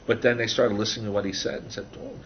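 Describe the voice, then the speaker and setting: An older man with a fairly low voice talks through a casual interview, circling back with fillers and restarts as he explains his ideas. The recording is a little dull, with a faint hiss behind him. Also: little pitch movement, rapid-fire. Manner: rambling, many restarts and fillers. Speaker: interviewee, author of a book on computer animation. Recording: dull, slightly noisy recording.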